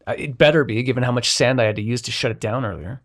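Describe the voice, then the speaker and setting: A man's voice: medium pitch, fast, natural voice. A man playing Morpheus, a sarcastic, grumbling god of dreams, in an intimate scripted roleplay, swearing and sighing at a mortal. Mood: irritated, sarcastic. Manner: sarcastic, profane, sighing, addresses listener as mortal. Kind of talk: intimate scripted roleplay audio drama monologue.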